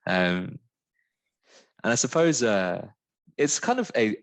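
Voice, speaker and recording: Deep-voiced man, earnest and reflective. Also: sing-song, slow pace, dry recording. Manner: earnest and searching, many fillers and restarts. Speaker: mindfulness teacher, company founder. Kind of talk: reflective webinar conversation.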